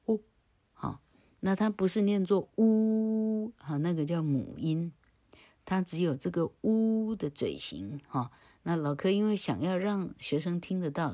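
A woman's voice: low voice, warm tone. A woman teaching English pronunciation in a recorded lecture. She tells playful jokes, laughs at her own stories, tags her phrases with a chatty "ha", and stretches out sounds to demonstrate them.

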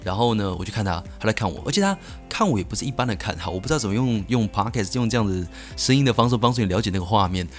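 A young man from Taiwan, hosting a podcast and telling a story in an animated way, full of restarts and self-answered asides. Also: fairly low pitch, racing, few pauses, faint music behind. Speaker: podcast host.

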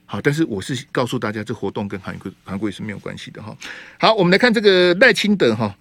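A man's voice: mid-range voice, sing-song, quick pace, a bit bright, dry recording. A man with a Taiwanese Mandarin accent hosting a radio talk show, giving fiery, sarcastic political commentary full of rhetorical questions. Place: radio studio.

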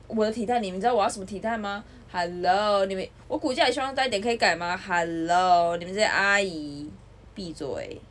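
A young woman, co-hosting a casual chat podcast and ranting with lively mimicry. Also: mid-range voice, fast talker, few pauses. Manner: animated ranting, mimics others. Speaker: podcast co-host.

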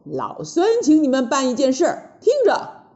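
A woman voicing a cocky male monkey king who gives brisk, raised commands. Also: high voice, big pitch swings, dark tone, dull audio, voice pushed up. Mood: bossy.

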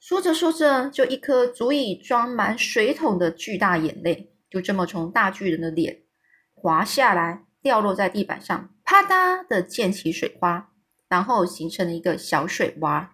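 A woman's voice: mid-range voice, animated, normal speed, fairly bright tone, breathy edge. Woman reading a storybook aloud. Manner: explains hard words, adds fillers.

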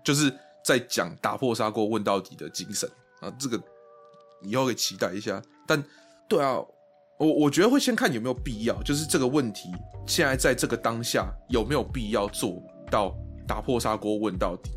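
A man's voice: medium pitch, animated, fairly quick, slightly rough, faint music behind. A man co-hosting a podcast, rambling and hesitant in casual chat, with the odd swear word. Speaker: podcast co-host.

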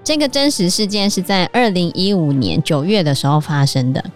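A woman with a fairly low voice and a Taiwanese Mandarin accent lays out real cases on a casual podcast. Light music plays under her. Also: expressive, brisk. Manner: explanatory, recounting case facts. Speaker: podcast co-host. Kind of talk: casual book-club chat.

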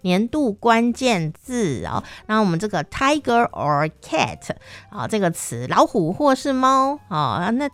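A woman hosting a podcast, telling a personal story in a casual, animated way and laughing often. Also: mid-range voice, a little slow, dry recording. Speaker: podcast host. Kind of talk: casual chat.

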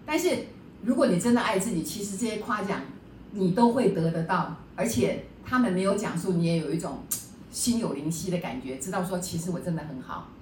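A woman's voice: on the low side, a little mellow, recorded from a distance, a little hiss or hum. A woman teacher leading a book study class, lecturing in a chatty way and often checking in with the class through rhetorical questions. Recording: echoey room, voice a bit off-mic.

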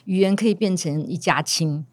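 A woman's voice: on the low side, normal speed. A woman from Taiwan, a teacher guest on a panel, talking casually and reflectively, with the odd joke and stammered restart.

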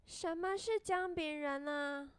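A curious little girl voiced by a woman who asks questions sweetly. The voice is high and slow, and sounds close and dry. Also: no echo. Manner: wondering, sweet.

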